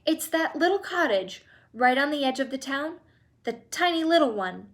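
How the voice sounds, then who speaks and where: A woman's voice: sits high, expressive, moderate pace, pitched above the performer's own voice. A woman voicing an earnest, eager young boy in a storybook reading.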